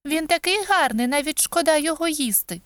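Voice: sits high, lively intonation, a little fast, fairly bright tone, no room sound, pitched above the performer's own voice. A storyteller voicing a thoughtful young girl in a children's storybook reading. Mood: earnest.

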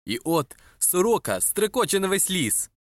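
Storyteller: woman, lively children's narration, talks to the child, dry close sound. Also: lowish voice, normal speed, dry recording. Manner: expressive, addressing the child listener.

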